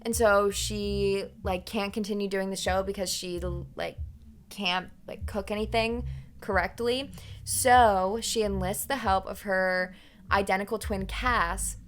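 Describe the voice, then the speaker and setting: A woman's voice: mid-range voice, steady tone, measured pace, a little hiss or hum. A young woman chatting casually in a book review, retelling things in an informal, rambling, gossipy way.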